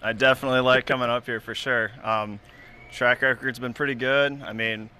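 Male champion bowler, modest and easygoing; low, flat, bright voice with faint noise behind. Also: moderate pace. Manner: modest, easygoing, many "I mean"s. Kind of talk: casual post-match interview.

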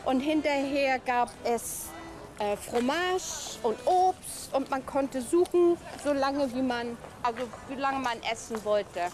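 An older woman recounting a long meal, halting and searching for words. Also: high voice, lively intonation, a little mellow. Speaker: passerby recounting a dinner.

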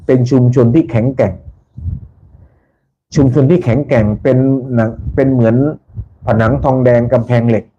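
Mellow-voiced Thai man chatting to fans. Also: medium pitch. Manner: polite, repeats himself, ends lines with soft particles. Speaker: channel host. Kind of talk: casual live-stream talk to fans. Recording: dull lo-fi sound with faint background noise.

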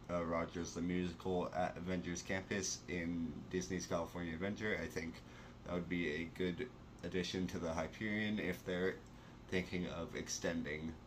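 Sitting in a small indoor bedroom, a young adult man gives a casual news chat as a vlogger, his camera right up near his face. His voice is low-pitched, with a faint hiss or hum in the audio. He talks with enthusiasm and lots of filler words.

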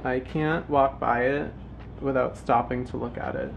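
Indoors by an open window, a houseplant vlogger in his twenties talks through a casual home plant tour over the noise of passing truck traffic. His voice is medium-pitched with vocal fry, measured in pace and fairly even in intonation, heard through lo-fi sound, and he adds wry, playfully dramatic asides.

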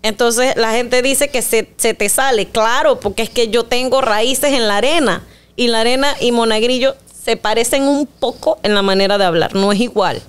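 A woman's voice: a little high, smooth. A woman from Los Santos with a marked Las Tablas accent, chatting as a guest in an interview. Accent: Panamanian, Las Tablas. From Panama, Los Santos. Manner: lively, talkative, fast-paced. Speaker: musician guest, duo singer. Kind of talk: casual interview chat.

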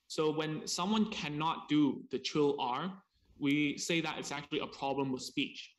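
Male speech therapist, slightly high voice, seminar delivered in short chunks over a video call. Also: a little slow. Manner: explains in short chunks, casual asides. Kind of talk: seminar talk paused for interpretation.

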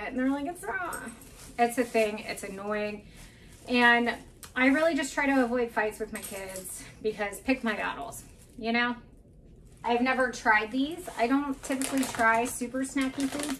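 A woman's voice: on the high side, a bit bright, distant mic, slight background noise. Chatty woman vlogging from her kitchen. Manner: chatty, candid, self-deprecating asides. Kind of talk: casual grocery haul chat. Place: home kitchen, indoors. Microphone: camera mic at a few feet.

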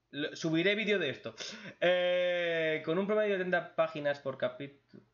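A man with a somewhat high voice and fairly bright tone reads viewer questions in a casual chat, answering them bluntly with crude jokes. The recording comes across as dull and lo-fi.

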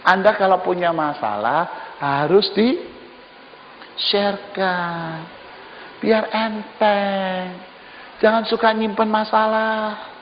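A male pastor preaching a sermon in a church hall, lively and joking, with colloquial asides. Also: high-pitched, slow pace, long pauses, muffled recording. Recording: echoey church hall, faint noise.

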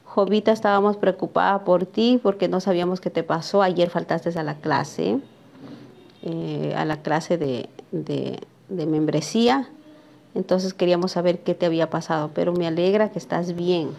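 A woman's voice: fairly low pitch, fairly even intonation, moderate pace, gravelly, a little mellow, slight background noise. Chatty woman teaching pattern cutting. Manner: chatty, talks to viewers by name and asks "¿sí?" often. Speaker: sewing teacher. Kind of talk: live pattern-making lesson. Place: sewing workshop, at a cutting table.

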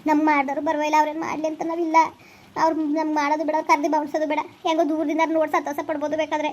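A woman's voice: sits high, completely flat delivery, very fast, darkish tone, close to an everyday voice. A woman playing an earnest young wife who pleads with her husband in an amateur village family drama.

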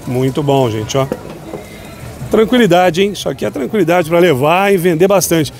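A man's voice: on the high side, normal speed, vocal fry, darkish tone, faint music behind. A man walking through an outdoor night market, chatting upbeat to viewers while filming on a handheld phone. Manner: upbeat, chatty, keeps addressing viewers as "gente". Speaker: shopping vlogger touring a street market. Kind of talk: walking market vlog with vendor chat. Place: outdoor night street market, busy city street. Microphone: handheld phone camera.

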